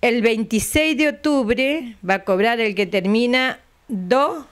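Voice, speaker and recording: A woman's voice: fairly high pitch, unhurried. An older woman with an Argentine accent, president of a retirees' center, chatting in a local TV interview at home into a handheld mic, repeating dates patiently. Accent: Argentine Spanish. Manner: chatty, repeats dates and tags lines with a questioning aside. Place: living room at home. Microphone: handheld mic held by interviewer.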